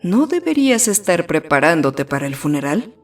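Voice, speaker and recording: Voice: mid-range voice, big pitch swings, moderate pace, far from the mic, faint music behind. The horror story's narrator voicing a sarcastic middle-aged aunt who scolds in a slightly raised voice. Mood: scolding.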